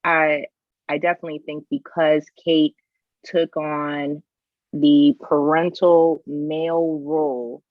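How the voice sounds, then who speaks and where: A woman's voice: sits low, flat delivery, takes it slowly, no room sound, narrow, tinny audio. A woman co-hosting a casual podcast chat, thinking aloud and restarting her sentences. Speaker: podcast co-host.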